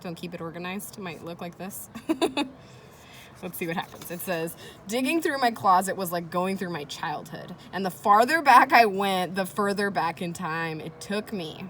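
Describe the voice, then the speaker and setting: An expressive woman teacher with a lowish, fairly bright voice reads a children's chapter book aloud at a moderate pace. Along the way she offers her listeners casual encouragement and questions, and the clip is noisy with kids playing close by.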